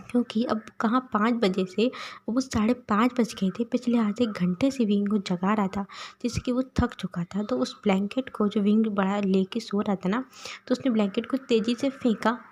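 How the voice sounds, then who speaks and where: A woman's voice: medium pitch, a little mellow, a little hiss or hum. A woman casually retelling a fan story in a chatty way, with lots of fillers.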